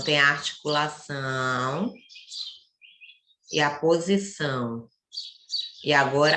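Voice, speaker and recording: A woman teacher gives an online lesson to young pupils. Her voice sits low but sounds bright and forceful. She explains patiently and keeps asking the class rhetorical questions, and the room around her is echoey. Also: slight background noise. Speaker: primary school teacher.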